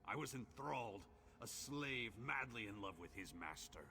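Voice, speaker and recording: A man's voice: medium pitch, animated, moderate pace, sharp tone, slight background noise. An actor playing an ancient imprisoned orc in a fantasy game, bitter and lovelorn, telling his tale in solemn, archaic, theatrical speech. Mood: bitter, impassioned. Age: old. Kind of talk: dramatic fantasy game dialogue.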